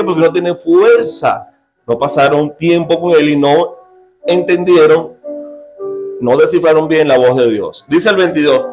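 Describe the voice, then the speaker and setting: Male pastor, slightly high voice, playful sermon delivery with faint music behind. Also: rough recording. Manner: lively, joking preacher who quizzes his congregation. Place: church.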